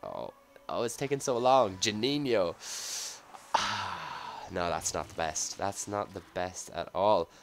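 A man with a low voice, a little husky from a cold, commentates live on a game pack opening. He talks casually, reacting offhand to each item as it shows up. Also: expressive, slow pace, soft background music. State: slightly sick, husky off voice from a cough. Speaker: gaming video host.

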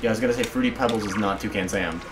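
A man co-hosting a video game playthrough, answering his partner with dry, exasperated, deadpan comebacks. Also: lowish voice, rapid-fire. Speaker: let's play co-host. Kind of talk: casual gaming banter. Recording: roomy, distant mic with background noise.

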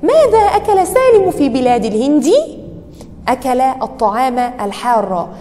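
A woman with an Egyptian Arabic accent teaching young children an Arabic lesson, quizzing them and praising each answer with a quick "bravo". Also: high voice, animated, warm tone, long reverb tail, slight background noise. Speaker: primary school teacher.

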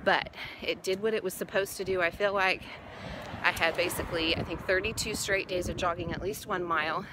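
A woman with a fairly low voice talks casually while walking outdoors, filming on a phone held at arm's length. Street ambience and passing cars are clearly heard behind her. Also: fairly even intonation, a little fast, background noise. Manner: chatty, searches for words mid-sentence. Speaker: vlogger. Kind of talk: casual walk-and-talk vlog. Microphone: phone held at arm's length, earbud mic.

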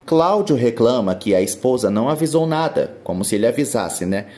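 A Brazilian man narrates an episode recap from a studio voice-over mic. His voice is mellow and dark, but his delivery swings up and down with brisk storytelling energy. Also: mid-range voice. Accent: Brazilian Portuguese. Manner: brisk storytelling with lively rises. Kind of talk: scripted narration.

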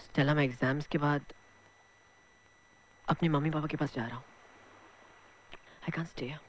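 An actor playing a sad, lovesick young male student who talks quietly and flatly, in film dialogue. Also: high-pitched, takes it slowly, a little hiss or hum, full character voice. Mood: glum. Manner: quiet, subdued. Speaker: college student.

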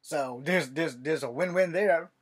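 A man's voice: fairly high pitch, measured pace, slightly rough. A man about to turn fifty, talking to his webcam in a cluttered bedroom, wry and sarcastic, swearing now and then. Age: 40s. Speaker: vlogger. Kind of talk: casual webcam monologue. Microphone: webcam at desk distance.

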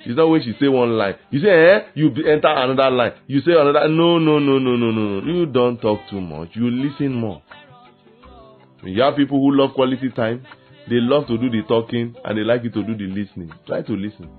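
A man, preaching a lively sermon on marriage and slipping into acted quotes of husbands and wives. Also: medium pitch, fairly quick. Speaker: pastor. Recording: tinny phone-like sound with faint music.

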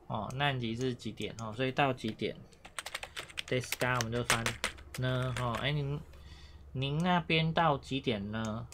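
Male Japanese teacher, mid-pitched, patient and repetitive, faint noise and keyboard clicks behind. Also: fairly bright tone. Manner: patient, repetitive explaining with frequent "oh" fillers. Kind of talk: online language lesson.

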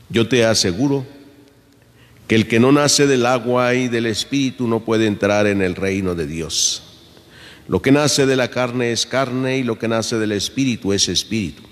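A low-voiced priest speaks slowly and solemnly, each phrase unhurried. His words ring out with a long cathedral echo that fills a large church. The delivery is measured and reverent throughout. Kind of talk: gospel reading and homily at Mass.

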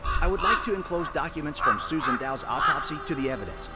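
A man's voice: a little high, expressive, a little fast, over loud music, natural voice. An actor playing a formal, probing male interrogator in a horror game. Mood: formal, accusing. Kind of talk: scripted game voice acting.

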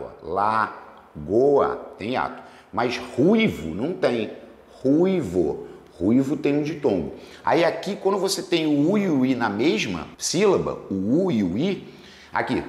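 A man teaching exam grammar, working through test questions and drawing out words slowly to split them into syllables. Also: mid-range voice, reverberant, big-room sound. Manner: lively, stretches words slowly to spell out syllables.

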